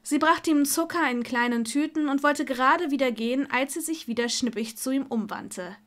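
Woman narrator, somewhat high voice, steady expressive story reading. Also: moderate pace. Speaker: audiobook reader. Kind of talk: reading fan fiction aloud.

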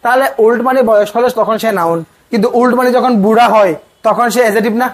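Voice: mid-range voice, fast talker. A teacher giving an exam coaching grammar lecture, often asking the class questions and then answering them. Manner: casual, speaks to students as "tumi".

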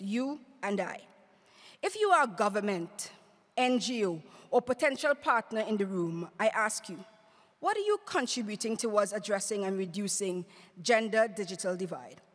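A woman's voice: mid-range voice, lively intonation, moderate pace, a bit bright. A middle-aged woman delivering a prepared, rousing speech at a podium microphone in a conference hall. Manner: rhetorical, rousing, paced with emphatic lists. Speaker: award speaker. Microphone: podium mic on stand.

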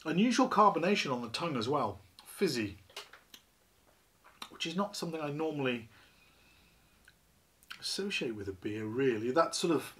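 A man in his fifties talks to camera from a small living room while he reviews a beer. He rambles, fills pauses with ums and you-knows, and pokes fun at himself. He is seated at a table, a short distance from the camera. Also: a little high, lively intonation, fairly bright tone. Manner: chatty, rambling, self-deprecating, many ums and you-knows.

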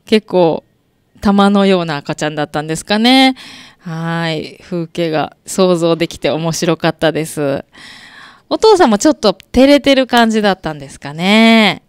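A woman hosting a community radio show, introducing recorded birth scenes in a gentle, chatty way with soft laughs. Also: mid-range voice, clear, resonant tone, no echo. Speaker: radio host. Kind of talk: scripted radio presentation. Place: radio studio.

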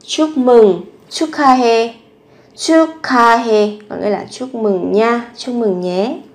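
Higher-voiced woman teaching slow phrases. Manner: repeats each phrase slowly, then explains it. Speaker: Korean language teacher. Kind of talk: Korean lesson explained in Vietnamese.

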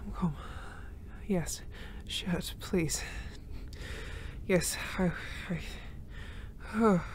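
Woman voicing a breathless gentle reborn spirit. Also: on the high side, unhurried, slight background noise, natural voice. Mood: soft, tender. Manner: breathless, sighing and laughing nervously. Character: young male reborn spirit, gentle and emotional. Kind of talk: audio role-play to a listener.

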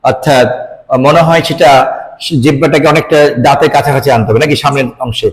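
A man's voice: mid-range voice, fast talker, low-quality recording. A man with a Bangladeshi accent teaching English pronunciation to a student, mixing English and Bengali and playfully pretending to get things wrong. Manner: mixes English and Bengali, playfully feigns mistakes. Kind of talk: playful classroom lesson with a student.

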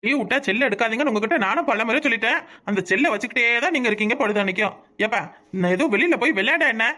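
A woman's voice: a little high, animated, racing, sharp tone. A woman voicing a kindly old grandfather in a cartoon, fussing and making peace between squabbling boys. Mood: chiding. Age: older. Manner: fussing, peacemaking, rural Tamil speech. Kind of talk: cartoon voice acting.

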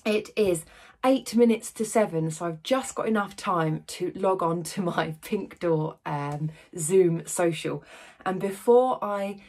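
A woman's voice: lowish voice, slow, darkish tone. Chatty breathless woman vlogging. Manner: chatty, breezy, laughs between sentences. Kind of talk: casual vlog chat.

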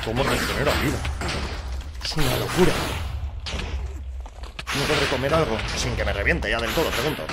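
A young man with an accent from Spain, commenting on his own gameplay, swinging between excited shouts and low muttering, swearing often. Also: moderate pace, long pauses, heavy background noise. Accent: Spanish from Spain. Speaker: gaming youtuber.

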